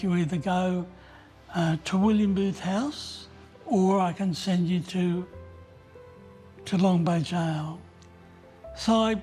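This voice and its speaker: An older man from Australia, a Salvation Army officer, telling his life story in an interview in a halting, candid way. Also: high voice, dark tone.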